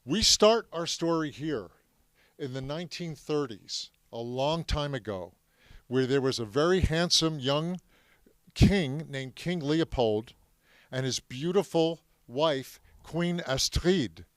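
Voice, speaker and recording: A French-speaking man, French being his first language, tells his family's Holocaust story to a live audience, lively and often questioning the crowd. His voice is a little high and smooth, and he speaks slowly. The recording is dry.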